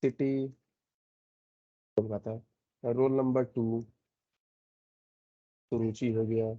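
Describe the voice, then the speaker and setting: A man teaching a programming lesson, explaining step by step and often checking in with a quick "okay". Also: mid-range voice, level tone, phone-quality sound. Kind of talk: screen-recorded coding lesson.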